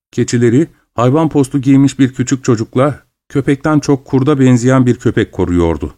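A man narrates a novel aloud as an audiobook. His delivery is steady and even, with a mid-range pitch. He reads in a measured storytelling manner. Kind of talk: scripted narration.

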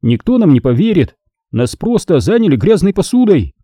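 A man voicing a calm, cautious teenage Jedi apprentice in an audiobook, speaking in a measured, gently reasoning way. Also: sits high, husky, no room sound, clean studio sound, pitched above the performer's own voice, heavily acted.

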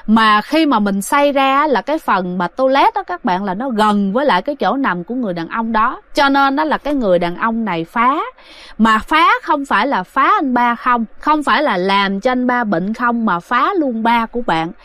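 A woman's voice: fairly high pitch, animated, moderate pace, a bit bright, dry recording. A woman casually telling a ghost story, chatting directly to her listeners. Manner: chatty, addresses listeners directly, many fillers.

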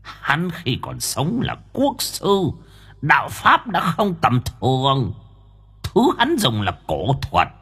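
A man voicing a cryptic old spirit master in an audiobook, speaking in slow, drawn-out pronouncements. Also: medium pitch, wildly swooping pitch, a bit bright, husky, pitched above the performer's own voice, full character voice. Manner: slow, drawn-out sage pronouncements with sudden chuckles.

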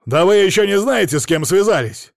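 A man voicing a drunk, red-faced, bullying millionaire, shouting and blustering in an audiobook. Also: fairly high pitch, sing-song, brisk, no room sound, clean studio sound. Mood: furious. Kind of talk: audiobook character voice.

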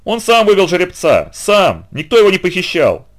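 Man doing a panicky blaming trainer, shrill, loud, high, audiobook. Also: huge pitch swings, normal speed. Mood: hysterical. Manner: shrill, shouting, hysterical. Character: hysterical, blaming male horse trainer.

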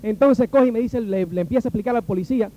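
High-voiced Cuban man telling a story. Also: fast talker, lo-fi sound. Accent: Cuban Spanish. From Cuba. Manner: animated, acts out the dialogue of the people in his story. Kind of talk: personal storytelling talk.

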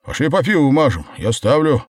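A man reading an audiobook, voicing a brash young man who talks loudly and pushily. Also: medium pitch, very animated, a little fast, breathy edge, no room sound, clean studio sound, pitched above the performer's own voice. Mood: lively. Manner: loud, pushy, upbeat. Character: brash young man, cheerful drinking buddy.

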